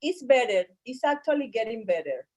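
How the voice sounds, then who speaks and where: Mellow woman with Colombian Spanish accent. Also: a little high, sing-song. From Barranquilla, Colombia. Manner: halting, repeats short phrases. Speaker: interview guest. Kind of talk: casual interview chat.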